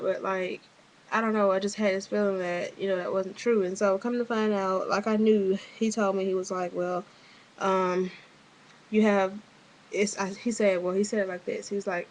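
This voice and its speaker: A woman's voice: medium pitch, a little mellow, poor audio. A young woman giving a casual, rambling video diary update, full of fillers and restarts and an offhand, frustrated edge. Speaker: vlogger.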